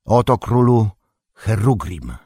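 A man's voice: on the low side, sing-song, slow, mellow, breathy edge, no room sound, clean studio sound, pitched above the performer's own voice, exaggerated voice. A man doing a respectful royal guard. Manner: formal, respectful.

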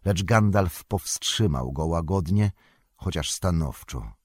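A man reads an audiobook in a measured, even way. His voice is low and his pace is very slow. The recording is dry and close, with no room echo. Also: breathy edge. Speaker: narrator. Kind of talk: audiobook narration.

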